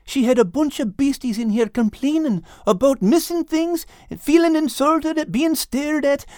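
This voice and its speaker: A man's voice: very high-pitched, normal speed, a little mellow, no echo, studio quality, pitched above the performer's own voice. A man voicing a good-natured, ever-hungry male furry animal with a put-on lilt. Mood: earnest.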